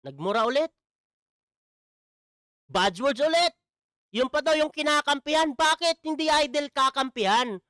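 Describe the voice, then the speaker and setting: In a casual vlog, a man with an extremely high, animated voice comments in a mocking way, asking "di ba?" again and again. He speaks unhurriedly with long pauses and a sharp tone, recorded in studio quality without echo.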